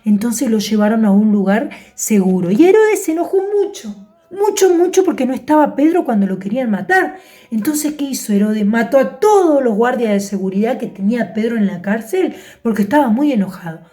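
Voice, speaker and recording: A woman with an Argentine Spanish accent, telling a Bible story to children as a Sunday-school teacher, with playful sound effects and frequent "¿sí?" check-ins. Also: medium pitch. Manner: animated storytelling with sound effects and tag questions.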